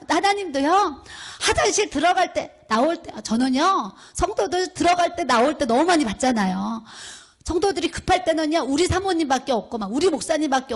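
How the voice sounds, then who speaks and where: A middle-aged woman, a pastor's wife, preaching a sermon as a storyteller who acts out the people she quotes. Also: high voice. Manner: storytelling, acts out quoted speech with rising emphasis.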